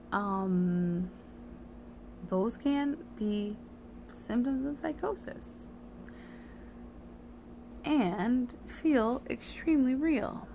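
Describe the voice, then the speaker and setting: A sleepy woman talks through a personal, meandering monologue at an unhurried, halting pace. Her voice is creaky and a little slurred, as a retainer sits in her mouth. Faint noise sits behind her. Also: fairly high pitch, a little mellow. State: tired, sleepy. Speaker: vlogger. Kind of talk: rambling confessional monologue.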